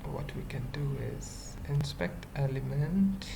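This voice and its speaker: This unscripted coding screencast comes from a web development tutorial presenter whose mid-range voice carries heavy vocal fry and moves very slowly. Delivery is halting and fragmentary, like thinking out loud. Keyboard typing and plain background noise come through the noisy mic.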